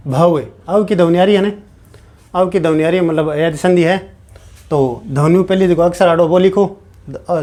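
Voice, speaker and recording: A man's voice: high-pitched, darkish tone. A man teaching a grammar lesson, repeating each step and answering his own questions. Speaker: Sanskrit teacher.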